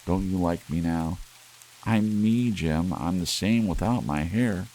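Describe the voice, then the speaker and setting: A man voicing a devoted, anxious young wife in a soft ASMR storybook reading, earnest and pleading. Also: low voice, a little slow, pitched above the performer's own voice, low-quality recording. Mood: pleading, loving. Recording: audible hiss under steady rain sounds. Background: soft rain.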